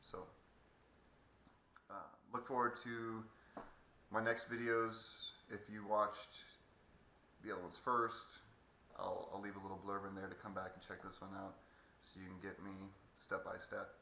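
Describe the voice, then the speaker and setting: A man giving a halting, hesitant casual video update with a sore throat two days after surgery. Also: lowish voice, level tone, bright, forceful tone. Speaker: patient vlogger. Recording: echoey room, faint background noise.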